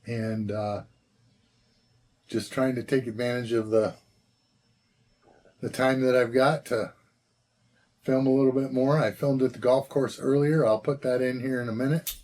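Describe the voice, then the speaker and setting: A man in his sixties giving a casual vlog check-in outdoors, talking in a relaxed, rambling way with plenty of fillers. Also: mid-range voice, unhurried, long pauses, no room sound. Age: 60s. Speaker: vlogger. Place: outdoors, walking and at a golf course.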